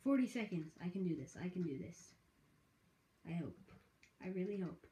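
A woman's voice: on the low side, lively intonation, moderate pace, mellow. A woman giving let's play commentary, thinking aloud as she plays, repeating herself and dropping into whispered asides. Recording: roomy echo with faint background noise.

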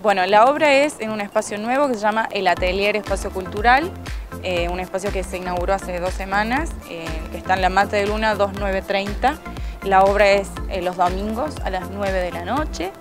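A woman's voice: mid-range voice, normal speed. Young Argentine woman, interview guest, handheld mic outdoors, chatty with fillers, music under her. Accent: Argentine Spanish. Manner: chatty, laughs often, hesitant fillers. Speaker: guest actress and playwright. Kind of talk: casual TV interview. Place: outdoors by a plant wall.

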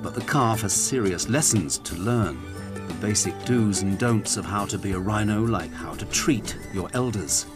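A man giving scripted narration for a wildlife documentary, measured and gently explanatory, recorded as a studio voice-over. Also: fairly low pitch, expressive. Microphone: close studio mic. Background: music under the narration.

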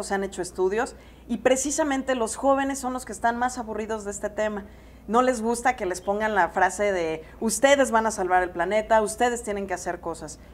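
A woman in her thirties with a Mexican Spanish accent, an environmental specialist giving an explanatory interview answer on a lapel mic. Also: mid-range voice. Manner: explanatory, steady, with some restarts. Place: seated in an expo lounge area.

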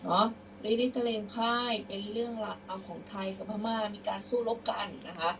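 A woman's voice: a little high, steady tone, brisk, vocal fry, fairly bright tone, recorded from a distance, a little hiss or hum, low-quality recording. A young adult woman teacher giving an online lesson, reading verse aloud and patiently explaining pronunciation word by word. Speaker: schoolteacher.

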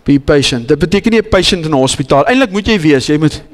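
A man preaching in a church hall, his South African accent and Afrikaans roots plain in every phrase. His voice sits somewhat high and carries an earnest, pleading urgency, stumbling into restarts as he presses his questions. A long reverb trails each line through the hall. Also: expressive, very fast. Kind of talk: bilingual church sermon.

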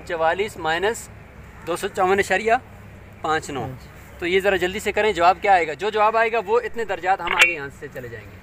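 A man's voice: high-pitched, fairly bright tone, slight background noise. A man teaching a hands-on demonstration, patient and step by step, often asking his listeners to check along.

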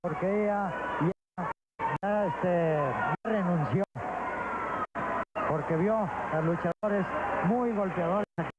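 Mexican guy co-commentating wrestling, highish voice, repeats himself admiringly, really noisy arena behind him. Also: slow, pauses often. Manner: admiring exclamations, repeats phrases. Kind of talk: colour commentary on lucha libre. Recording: muffled old TV audio, loud arena noise.

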